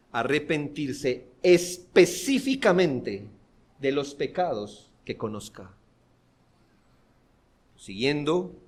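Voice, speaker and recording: A man preaching a sermon as pastor, earnest and building to forceful emphasis. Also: mid-range voice. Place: church.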